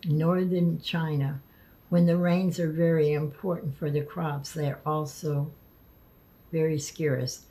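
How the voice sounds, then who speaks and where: A woman vlogging casually, speaking haltingly and stumbling over words, with the lisping, slurred sound of missing front teeth. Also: low-pitched, little pitch movement, dark tone, rough recording. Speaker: video creator. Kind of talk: casual spoken vlog, partly reading aloud.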